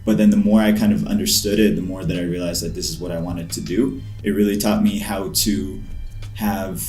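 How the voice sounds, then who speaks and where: A Pakistani basketball trainer, a native Urdu speaker, is a guest in a casual interview conversation, telling stories in a reflective, measured way. His low voice is steady and a little mellow, recorded in a roomy, echoing space with faint music behind.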